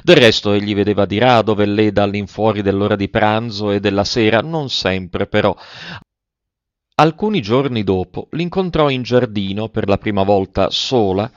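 A man narrating a literary audiobook in a measured, expressive reading. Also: fairly low pitch, no echo. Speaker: audiobook reader. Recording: dull, dry, lo-fi recording.

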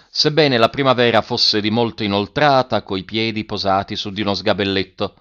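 A man narrating an audiobook in a steady, measured way, on a dull lo-fi recording. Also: fairly low pitch. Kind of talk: audiobook reading.

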